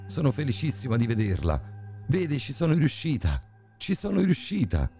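A man voicing a deranged old woman obsessed with occult magic, talking in a shrill, frantic, cackling way. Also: huge pitch swings, normal speed, dark tone, breathy edge, soft background music, heavily acted. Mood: gushing.

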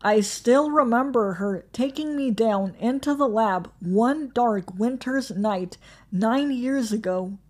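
A woman narrating a horror story in a measured, ominous, scripted way. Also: a little high.

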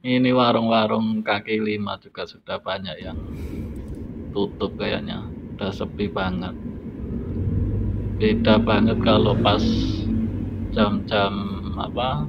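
Slow, gravelly man driving. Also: fairly low pitch. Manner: relaxed, unhurried commentary with fillers. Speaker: driving vlogger. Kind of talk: casual narration while driving. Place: inside a car at night. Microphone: phone in a dashboard holder. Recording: dull lo-fi phone audio with loud road noise.

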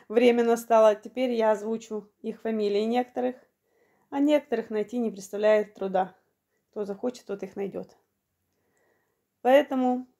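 A Ukrainian woman of about fifty tells a long personal story in her vlog, unhurried and matter-of-fact. Her voice is a little high with a dark tone, and she sounds slightly short of breath.

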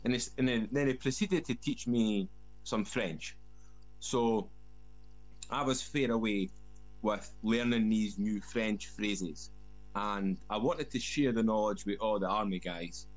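A man's voice: fairly low pitch, unhurried, low-quality recording. A man from Scotland with a broad Scottish accent, telling casual anecdotes as a guest and often repeating words. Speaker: guest, former soldier.

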